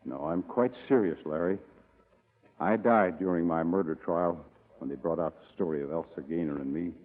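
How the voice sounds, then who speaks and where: A man's voice: low voice, normal speed, big-room sound. An actor playing Ken Starr, a bitter, down-and-out former businessman in a 1940s radio drama, speaking sardonically. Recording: tinny old radio broadcast.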